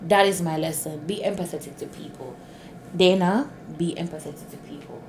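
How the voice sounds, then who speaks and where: A woman's voice: lowish voice, brisk, darkish tone. A woman co-hosting a podcast in casual chat, playful and teasing, often laughing. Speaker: podcast co-host. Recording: echoey room with faint noise.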